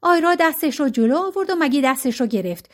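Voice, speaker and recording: Woman reading an audiobook, high voice, even and expressive. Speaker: audiobook narrator. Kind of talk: audiobook narration.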